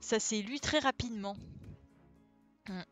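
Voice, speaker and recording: A woman streamer reading a storybook aloud and chatting casually with viewers, relaxed and thinking aloud with many fillers. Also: fairly high pitch, measured pace. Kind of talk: casual live-stream chat and read-aloud. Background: faint background music.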